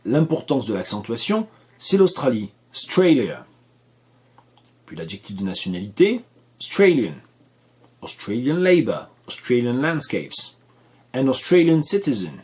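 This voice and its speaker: Man, husky voice, pronunciation lesson, slow deliberate stress on words. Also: mid-range voice, darkish tone. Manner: careful, stresses example words. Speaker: English teacher.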